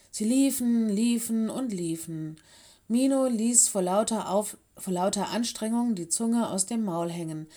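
A woman narrating a children's storybook aloud in a calm, measured way. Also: medium pitch.

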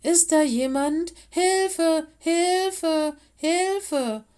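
A woman's voice: mid-range voice, moderate pace, mellow, close to an everyday voice. A woman reading an audiobook, voicing a scared young male ice wolf who stammers and pleads through sobs. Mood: panicked calling. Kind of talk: audiobook character voice.

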